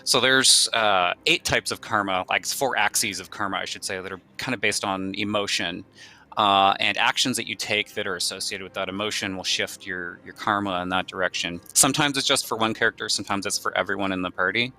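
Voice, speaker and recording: A game developer showing his game in a live walkthrough, explaining in a relaxed way with many fillers. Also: lowish voice, brisk.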